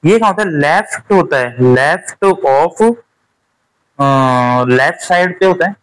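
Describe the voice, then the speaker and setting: A man teaching a nursing exam lesson, putting quick questions to his students and checking that they follow. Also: fairly high pitch, a bit bright, low-quality recording. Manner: repeats points as quick quiz questions to students; keeps checking with "theek hai" and "clear hua". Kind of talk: classroom-style lecture.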